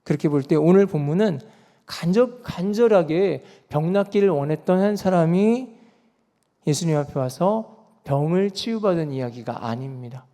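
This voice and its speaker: 남자 목사, 새벽기도 설교, 진지하게 힘주어 강조하는 말투, 긴 잔향의 예배당. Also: male voice, a little high, lively intonation, normal speed, warm tone. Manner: earnest preaching with emphatic rises. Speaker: pastor. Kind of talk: dawn prayer service sermon. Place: church sanctuary. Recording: reverberant church sanctuary.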